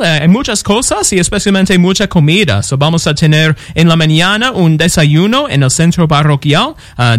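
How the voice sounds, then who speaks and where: A man's voice: fairly high pitch, no room sound. A man from Nebraska, a parish priest whose first language is English, speaking with an American accent and many fillers and restarts as a radio guest. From Nebraska, United States. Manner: halting second-language speech with fillers and restarts.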